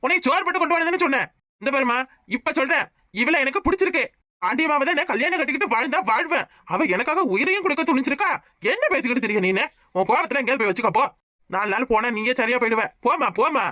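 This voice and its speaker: A woman's voice: sits high, animated, quick pace, pushed and bright, dry recording, clean studio sound. A woman voicing an impatient young village man who scolds his mother, in a cartoon with a southern Tamil accent. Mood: exasperated. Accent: southern Tamil, Tirunelveli.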